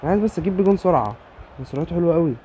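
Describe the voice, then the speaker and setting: Egyptian guy yelling over his football game, fast, bounces up and down a lot. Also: on the high side, highs cut off, slight background noise. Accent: Egyptian Arabic. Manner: excitable, repeats cheers and groans at the play. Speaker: gamer. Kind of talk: live gameplay commentary.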